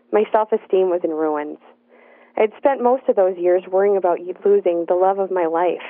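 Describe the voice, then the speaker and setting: A woman telling a personal story in the first person, in an earnest, measured narrating voice. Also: lowish voice, dry recording. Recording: dry, tinny phone-like sound.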